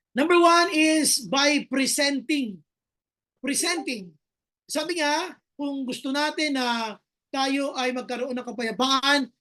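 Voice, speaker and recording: A Filipino woman pastor delivers a sermon in a notably high voice. She moves between Tagalog and English, slows down for scripture and lightens things with funny everyday stories. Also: fairly bright tone. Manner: mixes Tagalog and English, reads scripture slowly, tells humorous anecdotes.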